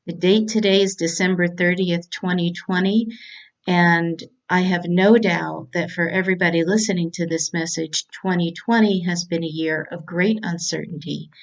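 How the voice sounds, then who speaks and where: A middle-aged woman from California, a cancer doctor giving a prepared talk in a measured, earnest way. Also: on the low side, highs cut off.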